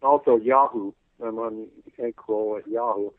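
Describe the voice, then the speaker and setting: A man calling in as a radio guest, rambling folksily with lots of "you know," clearing his throat as his voice wears out. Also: on the low side, fairly even intonation, a little slow, no echo. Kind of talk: casual call-in radio interview. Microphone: telephone. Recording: tinny phone line.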